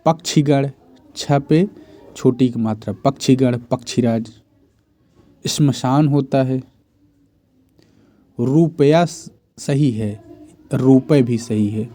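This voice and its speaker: A man's voice: medium pitch, mellow. A man teaching Hindi grammar for exam preparation, reciting correct spellings in short, repeated phrases. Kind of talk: exam-prep spelling drill.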